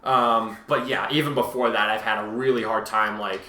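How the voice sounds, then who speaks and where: A man with a lowish, steady, sharp-toned voice hosts a casual discussion of his own writing at a moderate pace. A fan fiction author and reader, he rambles and often corrects himself, recorded in an echoey room.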